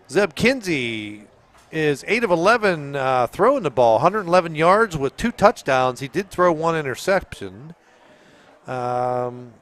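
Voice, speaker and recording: A man commenting on a local high school football game, reading off stats in a friendly way. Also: fairly bright tone. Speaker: sports commentator.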